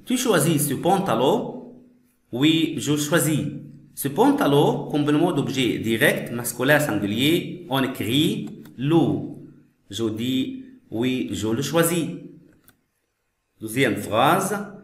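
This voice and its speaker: A male teacher's voice, slow and patient, repeating every phrase and then explaining it. His voice sits at an ordinary middle pitch. It echoes around the room. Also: very animated. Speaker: French teacher.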